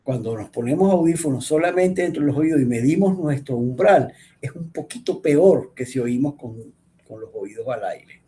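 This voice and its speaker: Halting male lecturer, mellow voice. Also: mid-range voice, animated. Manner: explanatory, often checks in with "¿ok?"; halting, with frequent restarts and fillers. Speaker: instructor. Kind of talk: online class lecture.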